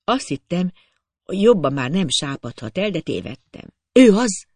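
A man narrating a classic novel as an audiobook in a steady storytelling manner. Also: fairly high pitch, no room sound. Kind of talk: scripted narration.

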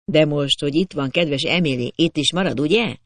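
Guy voicing a pushy arrogant gent in an audiobook, loud and gravelly, dry sound. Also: fairly high pitch, no echo. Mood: coaxing. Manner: loud, commanding. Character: arrogant young gentleman, forceful and angry.

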